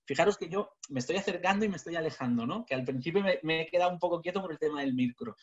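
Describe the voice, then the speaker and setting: A man leads a business communication webinar from his webcam. He keeps asking rhetorical questions in a lively way. His voice sounds a bit husky, and the audio comes through dull and lo-fi. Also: fairly high pitch, racing. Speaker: communication trainer. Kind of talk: webinar talk. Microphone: webcam video call.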